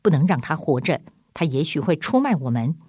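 A woman's voice: deep voice, big pitch swings, a little fast, a little mellow, husky, dry recording, studio quality, full character voice. A woman voicing a fierce, distrustful male dwarf who speaks harshly in a spoken storybook. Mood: hostile. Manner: harsh, hostile.

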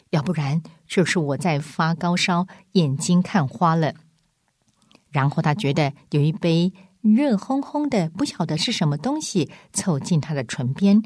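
A woman narrating a storybook aloud in an expressive, dramatic manner. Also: fairly low pitch, husky, no echo, clean studio sound. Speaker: audiobook reader.

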